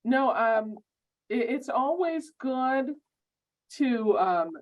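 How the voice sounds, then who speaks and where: A woman giving welcoming remarks at an online orientation on a video call, halting with many ums and repeated words. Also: high voice, lively intonation. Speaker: law school program administrator. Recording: muffled video-call audio.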